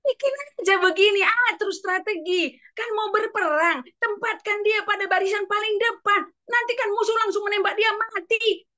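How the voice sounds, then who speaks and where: A woman's voice: very high-pitched, pushed and bright, pitched above the performer's own voice. A woman preacher voicing a scheming male devil who scolds and coaxes a king into a plot, in a dull lo-fi recording. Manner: scolding, brisk instructing.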